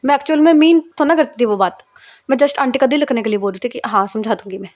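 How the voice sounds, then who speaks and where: A woman's voice: on the high side, fast talker, a little mellow, lightly acted. A woman voicing a young woman who pleads and defends herself to her girlfriend. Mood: pleading.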